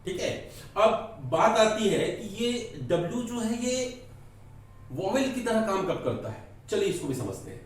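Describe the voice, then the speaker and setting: A man's voice: high-pitched, very animated, measured pace. A man teaching English grammar in a lecture, asking questions and answering them himself. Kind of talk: classroom lecture explaining in Hindi. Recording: echoey room, mic at a distance.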